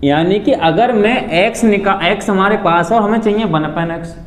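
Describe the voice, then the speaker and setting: A man's voice: sits high, normal speed, reverberant. A man teaching a maths class, questioning his students and calling them "beta" as he works through the steps.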